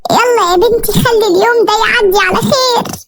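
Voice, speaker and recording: A woman's voice: very high voice, quick pace, a bit bright, slight background noise, pitched above the performer's own voice. A woman voicing a tender mother who pleads with her husband and soothes her daughter. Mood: pleading.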